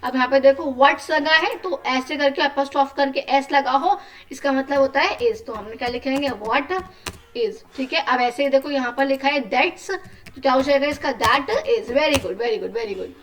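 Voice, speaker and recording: Indian lady teacher explaining to kids, high voice, mic kinda far off. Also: unhurried. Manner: patient, checks in with questions. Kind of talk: explaining a lesson to children.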